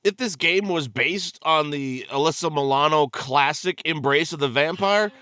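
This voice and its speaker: A man's voice: on the high side, moderate pace, pushed and bright, dry recording, clean studio sound. A man doing crude, sarcastic, exasperated video game commentary, swearing heavily as he rants. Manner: crude, profanity-laden, exasperated ranting. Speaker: game streamer, let's play host. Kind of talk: ranting game commentary with mocking voices.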